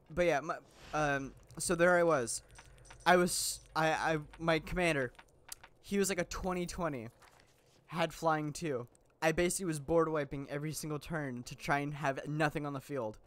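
A man's voice: a little high, a bit bright. Chatty young man, rambling game commentary. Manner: rambling, chatty, laughs often, many fillers and restarts. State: a little sick. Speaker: gaming YouTuber. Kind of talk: casual gameplay commentary.

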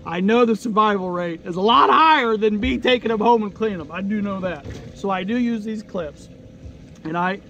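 A man with a notably high voice talks casually from a fishing boat, folksy and enthusiastic, with loose restarts. Faint outdoor ambience sits under the voice. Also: a little hiss or hum. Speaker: fishing show host. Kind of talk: casual instructional talk.

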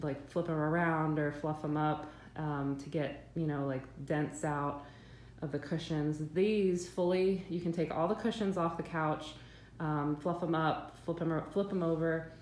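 A woman's voice: low voice, darkish tone. A young woman giving a casual, chatty review of her couch, hesitant and full of ums and restarts, filmed on a handheld phone in her living room. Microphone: handheld phone filming the room. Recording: echoey room with faint background hum.

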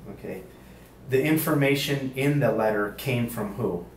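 A male state police investigator running a formal interrogation, halting with many uhs and ums, heard on an interrogation-room tape recording. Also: medium pitch, animated. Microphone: fixed room camera mic. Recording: roomy, distant, faint hiss.

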